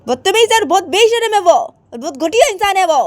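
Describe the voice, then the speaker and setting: A woman voicing an angry, defiant young wife who fires back indignant questions in a shrill voice. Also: expressive, moderate pace, darkish tone, no room sound. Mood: furious. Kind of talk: amateur storytelling with acted voices.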